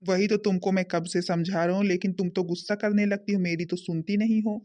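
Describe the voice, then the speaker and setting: A man's voice: sits high, flat delivery, brisk, a little mellow, a little hiss or hum, close to an everyday voice. A man voicing a scheming greedy husband. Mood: coaxing. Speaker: scheming son-in-law. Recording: dull lo-fi sound.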